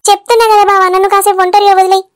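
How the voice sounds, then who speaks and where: A woman voicing a young wife in a cartoon, sharp and easily hurt, with a sulky manner. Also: flat delivery. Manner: chipmunk-high cartoon voice, rapid and sulky.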